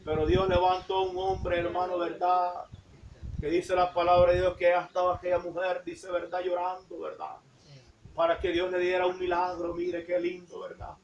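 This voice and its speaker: A woman preaching a sermon in a church, fervent, tagging nearly every phrase with a call to the congregation and rising to shouts at the high points. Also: flat delivery, normal speed, reverberant, recorded from a distance, highs cut off, background noise. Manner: fervent, repeats "hermano, ¿verdad?" after nearly every phrase; rises to shouting at emphatic points.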